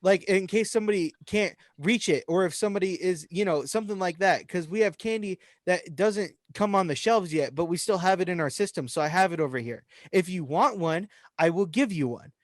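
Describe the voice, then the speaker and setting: A young man, telling an animated story about a rude customer in a casual podcast chat. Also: high-pitched, a little fast, few pauses, no echo, studio quality. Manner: animated storytelling, voice rising when venting. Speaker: podcast co-host.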